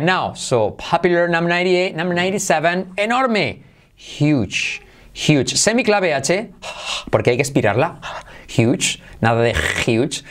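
A man with a Spanish accent from Spain, teaching an online English lesson and repeating words slowly to drill pronunciation. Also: mid-range voice.

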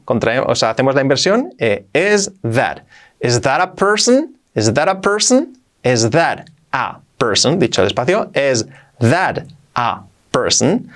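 A man with a Spain Spanish accent teaches English in a video lesson, his voice rising and falling a lot as he explains. He slows right down to model each English phrase and repeats sounds over and over. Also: medium pitch.

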